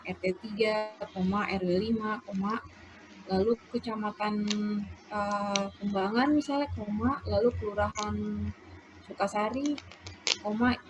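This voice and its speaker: A woman teacher giving a lesson, explaining slowly and dictating example sentences aloud. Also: a little high. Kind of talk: classroom lecture on punctuation. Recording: noisy background.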